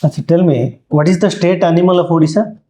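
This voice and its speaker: A man with an Indian accent questions a candidate formally as an interview panelist. His voice sits a little high with a soft, mellow tone, heard in an echoey room. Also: fast talker, a little hiss or hum.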